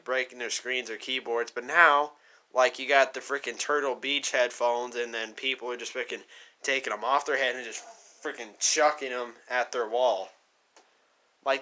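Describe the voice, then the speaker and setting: A man's voice: mid-range voice, bright, forceful tone. A man giving casual reaction commentary as a video host, slangy and full of exasperated questions.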